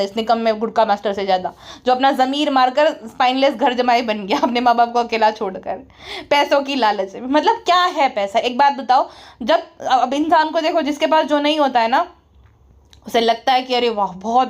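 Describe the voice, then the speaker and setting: A woman's voice: high voice, a little fast. A woman doing a casual commentary vlog, blunt and scornful, lecturing her viewers. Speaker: YouTube commentator.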